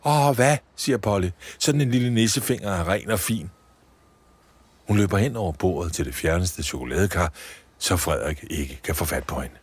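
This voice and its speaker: A man voicing a cheeky little Christmas elf girl in a high, bubbly, mischievous voice for a storybook reading. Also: slightly rough. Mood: playful.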